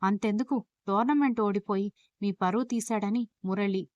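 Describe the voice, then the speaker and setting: A woman's voice: mid-range voice, moderate pace, darkish tone, no room sound, highs cut off, natural voice. A woman voicing a playful, chatty young wife in a read-aloud audio story.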